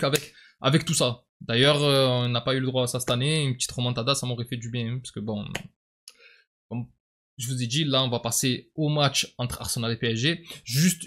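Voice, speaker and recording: A man's voice: medium pitch, a bit bright. Hesitant southern French man. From southern France. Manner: hesitant, repeats words, sighs often. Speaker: football vlogger. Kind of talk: casual football debrief.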